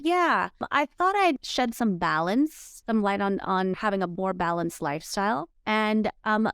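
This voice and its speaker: A woman from the Philippines, whose first language is Filipino, hosts her own motivational solo podcast from a home office, speaking earnestly and encouragingly straight to listeners. Her mid-range voice is smooth, and the studio sound is clean with no room sound.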